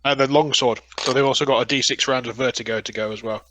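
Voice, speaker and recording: A man takes his turn in a tabletop session, working through rules and bonuses aloud. His voice sits at an ordinary pitch, casual and matter-of-fact. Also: steady tone, fast, bright, forceful tone, rough recording. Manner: works through rules and dice sums aloud. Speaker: player.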